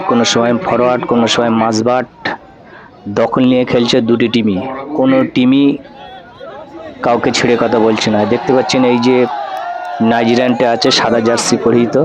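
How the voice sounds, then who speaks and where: A man's voice: mid-range voice, level tone, normal speed, pauses often. A man giving live football commentary, repeating phrases for emphasis. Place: outdoors at a local football ground. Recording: outdoor field with crowd noise. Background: spectator crowd.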